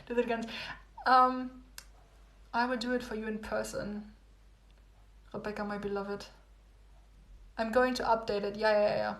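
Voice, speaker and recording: A young woman who seems to be losing her voice chats loosely with her livestream viewers from a noticeably echoey room at home, laughing softly and saying things more than once. Her fairly high, slightly hoarse voice stays level and slow, with long pauses.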